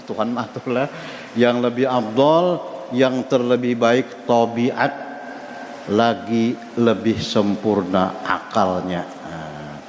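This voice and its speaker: A religious teacher from South Kalimantan, Indonesia, speaking with a Banjar accent, leads a relaxed mosque study-circle lecture, quizzing his audience and chuckling along the way. His mid-pitched, slightly mellow voice rings out in a spacious hall with a long reverb tail, over faint background noise.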